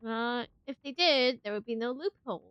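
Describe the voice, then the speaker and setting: Gushing, high-voiced woman streamer. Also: moderate pace, clean tone, no room sound, dull audio. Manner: gushing, excitable, with squeals and laughs; chatty, greets viewers. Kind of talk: live game reaction stream.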